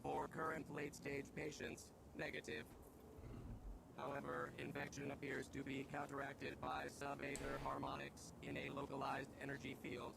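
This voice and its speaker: A care robot golem from a video game. The voice is heavily creaky and mid-pitched, speaking in formal, clinical terms with blunt devotion to duty. Clear noise sits behind it. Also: male voice, normal speed. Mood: analytical. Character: blunt, dutiful golem care robot, a health repair unit. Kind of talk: scripted game acting.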